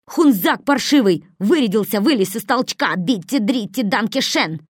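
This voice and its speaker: A woman's voice: on the high side, expressive, normal speed, no echo, clean studio sound, voice pushed up. A woman voicing a small, pitiful male crook of about forty who whimpers and flies into rages. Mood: furious. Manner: whimpering, then furious shouting.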